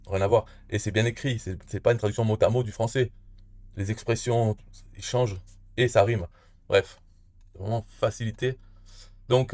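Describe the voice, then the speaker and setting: A man with a fairly low voice walks through a software tutorial in an easygoing, unscripted way. He pauses often, fills gaps with hesitations and restarts his sentences. The sound is dry and close, with no room around it. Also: no echo. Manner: hesitant, many "euh" fillers and restarts. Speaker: tutorial presenter. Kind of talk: casual screen-recorded tutorial.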